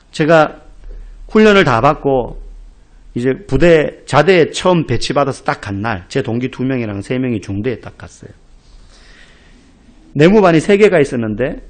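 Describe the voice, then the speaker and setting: A middle-aged man from South Korea preaching a sermon as pastor, telling stories with acted-out quotes and emphatic exclamations. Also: mid-range voice. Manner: animated storytelling, acting out quoted voices; emphatic, rising to loud exclamations.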